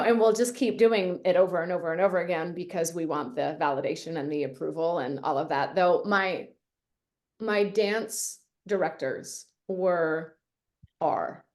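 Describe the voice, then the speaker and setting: A middle-aged woman from Canada, telling her story as a guest in a casual interview, full of "like" and "you know". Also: lowish voice. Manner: chatty, lots of "like" and "you know".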